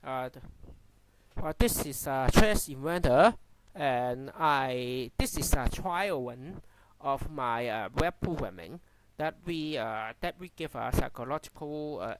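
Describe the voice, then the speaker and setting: A man from Hong Kong, a native Cantonese speaker with a heavy Cantonese accent, gives unscripted commentary haltingly, often repeating and restarting phrases. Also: medium pitch, slight background noise, rough recording. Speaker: amateur YouTube commentator.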